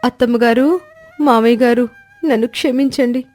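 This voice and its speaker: Brief: theatrical young daughter-in-law, voiced by a woman, high and showy, animated story. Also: fairly quick, no room sound, faint music behind, lightly acted. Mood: tearful. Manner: tearful pleading then showy and boastful. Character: young daughter-in-law, dramatic aspiring actress.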